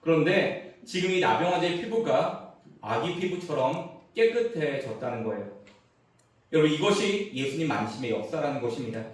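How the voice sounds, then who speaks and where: A man in his forties preaching as a pastor, telling a humorous family story that swings between hushed asides and emphatic punchlines. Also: on the high side, expressive, normal speed. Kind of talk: sermon. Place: church sanctuary. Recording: roomy church echo, mic at a distance.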